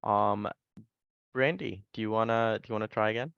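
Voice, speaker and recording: Guy hosting a video call panel, low gravelly voice, kinda um-heavy, dry muffled sound. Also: moderate pace, dry recording. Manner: friendly, hesitant with fillers. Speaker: panel moderator.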